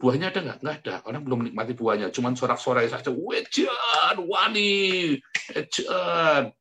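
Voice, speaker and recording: A man preaching a sermon in an easy, conversational way, as if chatting with the congregation and often turning to address them directly. He laughs at himself as he goes. His quiet asides give way to sudden loud outbursts. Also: medium pitch, rapid-fire, slight background noise. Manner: self-mocking, laughs as he talks. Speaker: pastor.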